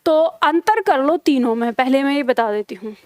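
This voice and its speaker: Young woman teacher, high pitched, slow and patient, keeps asking if you got it. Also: no room sound, clean studio sound. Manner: patient, repeats key terms slowly, checks "theek hai?". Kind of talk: live online grammar class.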